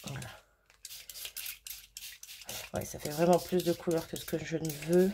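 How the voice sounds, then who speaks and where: A woman's voice: low voice, steady tone, measured pace, dark tone, slight background noise. A woman hosting a crafting video, chatting casually and thinking aloud with fillers and little laughs as she works. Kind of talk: casual crafting tutorial chat.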